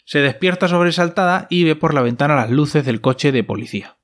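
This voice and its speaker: A man's voice: fairly high pitch, fairly even intonation, a little fast. A young man, recapping a series casually with wry, ironic asides. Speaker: host.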